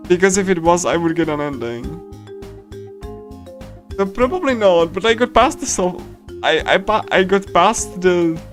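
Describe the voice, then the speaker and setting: While playing a visual novel, a man with a slightly high voice gives casual live commentary, rambling, restarting and repeating phrases as he reacts. Soft guitar music from the game plays behind him.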